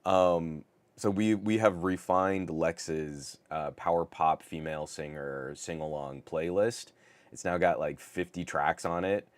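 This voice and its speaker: A middle-aged man hosts a live tech chat show while sick, his voice scratchy and rough. He speaks in a deep, low register, bursting with over-the-top enthusiasm and tripping over quick restarts. The sound is close and dry, with no trace of room echo. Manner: over-the-top, excitable delivery with stammered restarts. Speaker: host of a live tech podcast. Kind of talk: casual live-stream chat.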